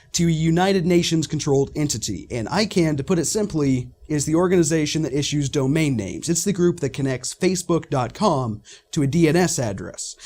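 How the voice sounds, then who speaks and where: A man's voice: on the high side, darkish tone. A man delivering an urgent, scripted political commentary as an online journalist, pleading with listeners to act. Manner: urgent, pleading call to action.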